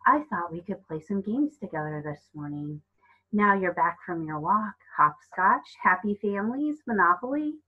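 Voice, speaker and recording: Sinister fairy-tale false mother, played by a female reader: sugary, controlling, condescending, husky edge, dull recording. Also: medium pitch, lively intonation, normal speed. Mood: sweet coaxing. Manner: sugary, coaxing, politely condescending. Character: sinister button-eyed other mother, sweetly controlling creature.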